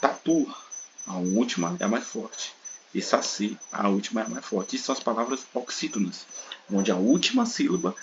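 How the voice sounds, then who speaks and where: A Brazilian man teaches Portuguese grammar online, explaining step by step, often adding tag questions and stretching stressed syllables when he gives examples. His voice is lowish, gravelly and animated at a moderate pace, on a muffled recording with slight hiss or hum.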